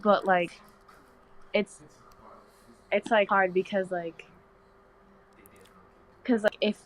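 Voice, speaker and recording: A woman's voice: mid-range voice, flat delivery, drawn-out words, poor audio. A nineteen-year-old woman from the Dominican Republic, chatting as a guest on a live stream in a slangy, rambling way full of "like". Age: young adult, 19. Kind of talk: casual chat on a live stream.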